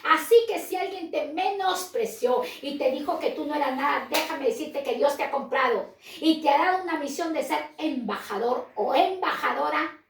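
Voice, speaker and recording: A woman's voice: high voice, moderate pace, roomy sound, distant mic, background noise. A Peruvian woman with a Peruvian Spanish accent preaching a sermon, posing questions and answering them herself in an emphatic way. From Peru. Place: in Spain.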